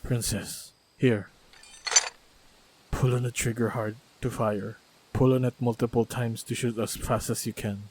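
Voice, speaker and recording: In this effects-heavy, noisy fantasy action roleplay, a male voice actor portrays a calm, protective warrior leading a princess. He speaks to the listener at medium pitch, in short, pause-filled phrases.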